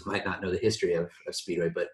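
American man, very deep voice, casual rambling host talk, roomy echo. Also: flat delivery, fast talker. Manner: laid-back, rambling with restarts. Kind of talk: casual chat. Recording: echoey room.

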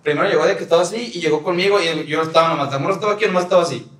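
A man's voice: fairly high pitch, rapid-fire, recorded from a distance. Slangy young man, roomy echo. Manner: slangy, animated storyteller who acts out quotes. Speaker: group conversation participant. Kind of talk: casual group chat.

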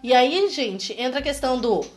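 A woman's voice: sits high, lively intonation, normal speed, faint music behind. Chatty Brazilian woman teaching parents. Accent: Brazilian Portuguese. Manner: chatty, frequent tag questions, playful. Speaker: parenting educator. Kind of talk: casual teaching talk.

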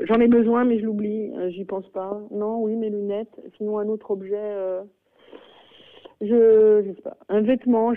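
A middle-aged woman, a school principal, talking in a radio interview, hesitant with many fillers and exclamations. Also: mid-range voice. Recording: phone-like radio sound.

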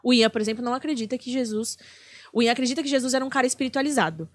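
A woman's voice: on the high side, rapid-fire, no room sound. A woman comedian, a guest on a podcast, chatting casually and swearing freely.

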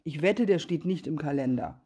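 A woman's voice: low-pitched, expressive, warm tone, slightly rough. A woman doing a trusting little mouse. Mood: wondering. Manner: wondering, quick and eager. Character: trusting, good-natured little female mouse.

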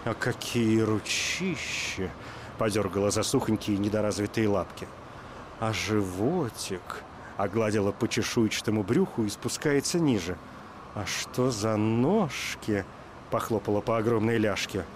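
Man doing a breathy flirtatious princess. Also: on the low side, lively intonation, a little hiss or hum. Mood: admiring. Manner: breathy, admiring, slow.

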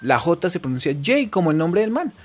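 A woman's voice: fairly low pitch, big pitch swings, fairly quick, noisy background. A woman teaching English pronunciation in a playful, chatty, encouraging way. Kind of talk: casual online lesson.

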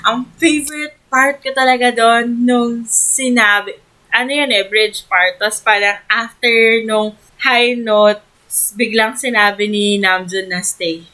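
A Filipino woman co-hosting a casual chat, her voice bright and forceful. She gushes excitably and slips English phrases into her Tagalog. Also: on the high side, slow pace, poor audio. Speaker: podcast co-host.

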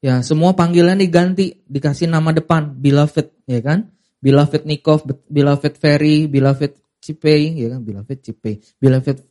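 A young man preaching a sermon, animated and emphatic, leading his audience in call-and-response and dropping to quiet, serious asides. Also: measured pace. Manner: animated, rising to high emphatic peaks, then dropping to quiet; calls and response, has the audience repeat lines. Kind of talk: sermon to a youth congregation.

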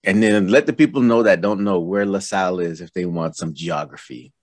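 A man's voice: sits low, brisk, a little mellow, no echo, clean studio sound. A man hosting a podcast, asking easygoing, curious questions in a casual interview. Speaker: podcast host.

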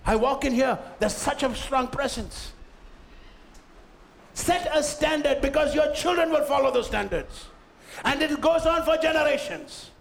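High-pitched, gravelly pastor preaching. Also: male voice, slight background noise. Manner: forceful, rhetorical questions, makes the crowd repeat lines. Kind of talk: preaching a sermon to a congregation.

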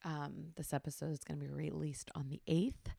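A woman's voice: sits low, little pitch movement, moderate pace, creaky, slightly rough, dry recording. A woman in her thirties hosting a podcast at home, talking in a casual, rambling solo monologue and keeping her voice down. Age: 30s. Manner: chatty, rambling, many fillers; hushed, trying not to be loud. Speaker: podcast host. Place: home at night.

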